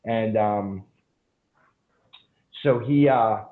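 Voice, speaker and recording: A man with a lowish voice and drawn-out words rambles through stories as a podcast guest, dropping frequent fillers and profanity. He's a jiu-jitsu instructor in a casual storytelling interview, and the audio has a narrow, phone-like quality.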